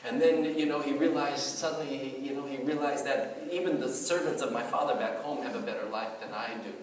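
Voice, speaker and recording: A middle-aged male pastor giving a sermon in an animated, conversational storytelling way, with many asides. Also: medium pitch, brisk. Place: church hall. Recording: echoey hall, mic far off, faint noise.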